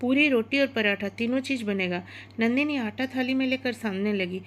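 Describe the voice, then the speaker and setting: A woman reading a scripted story aloud as narrator, in a steady, even manner. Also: fairly high pitch, moderate pace, a little hiss or hum.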